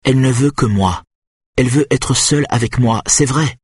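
A man voicing a frightened young captive, hoarse and urgent as he pleads and insists. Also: medium pitch, moderate pace, no echo, clean studio sound, voice pushed up, close to an everyday voice. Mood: pleading.

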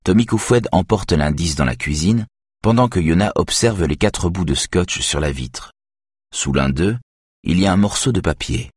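A man reading a crime novel aloud as narrator, in a steady, even way. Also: deep voice, moderate pace, slightly rough, no room sound, studio quality. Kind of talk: audiobook narration.

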